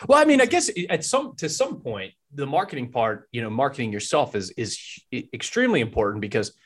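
A man's voice: medium pitch, very animated, fairly quick, slightly rough. A man in his forties hosting a casual interview, agreeable and encouraging, feeling his way through his phrasing. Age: 40s. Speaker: interviewer, host.

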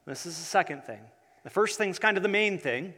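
A male pastor explains his sermon point by point in a somewhat high voice. He phrases deliberately and repeats key words. The sound carries the long reverb of a large hall. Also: animated, bright, forceful tone. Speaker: pastor preaching.

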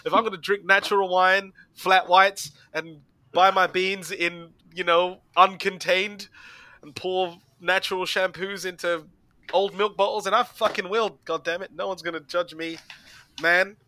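A man co-hosting a podcast in casual chat, animated and profane, often slipping into mock voices for comic bits. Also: high voice, unhurried, no echo. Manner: animated, swears freely, slips into mock voices. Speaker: podcast co-host.

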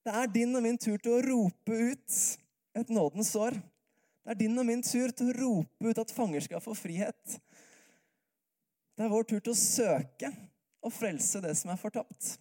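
A man delivers a sermon in an easy, conversational manner rather than a shouting one. His voice is warm and mellow. He keeps turning to his listeners with rhetorical questions. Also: very high-pitched. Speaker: preacher.

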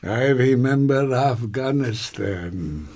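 A man's voice: medium pitch, animated, a little mellow, slight background noise. A man playing a boastful older Russian army surgeon in a put-on Russian accent, in an acting class scene. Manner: slow, drawn-out, self-satisfied.

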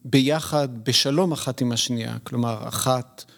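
A middle-aged man, a podcast guest, explaining his views in a measured, lecturing way, often pausing to find the right word. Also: medium pitch, steady tone, gravelly. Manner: measured, lecturing, pauses to search for words. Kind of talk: reflective conversational explanation.

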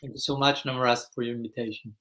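An Argentine monk in his forties, a guest on a reflective podcast interview, speaks fast at a medium pitch with fairly even intonation and a slightly bright tone. Recorded in an echoey room, he is thoughtful and explanatory, searching for words.

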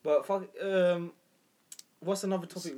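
A man's voice: high voice, steady tone, measured pace, mellow. A young man with a London street accent, chatting and bantering in roadman-style slang as a podcast co-host. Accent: London multicultural street slang. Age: young adult. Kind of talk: casual banter between friends.

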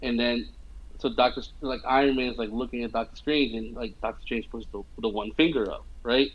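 A young movie fan recaps a film scene by scene in casual chat, telling it animatedly with lots of fillers and "you know what I mean" check-ins. His voice is medium-pitched, a little fast and slightly rough, and the audio is dull.

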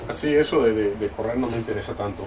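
Man preaching from across the room. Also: lowish voice. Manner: conversational, halting, self-correcting. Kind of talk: sermon with a personal story. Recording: distant mic, noisy room.

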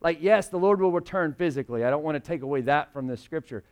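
A man with a fairly high voice preaches to a congregation in a church. He keeps it conversational with joking asides, then slows down and rises in volume when he reads scripture. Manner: casual, joking asides, swells louder and slower when reading scripture. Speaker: pastor. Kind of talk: sermon. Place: church sanctuary.

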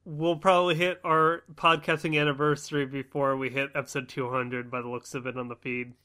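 A young man co-hosting a casual podcast, asking quick questions and laughing along. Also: medium pitch, level tone, sharp tone, clear, resonant tone. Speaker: podcast co-host. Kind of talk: casual chat.

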